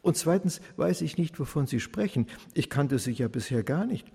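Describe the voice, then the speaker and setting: A calm, patient pastor, friendly and a little older, as a reader plays him. The voice stays slightly husky. A long hall reverb follows each line. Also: male voice, a little high, moderate pace, heavily acted.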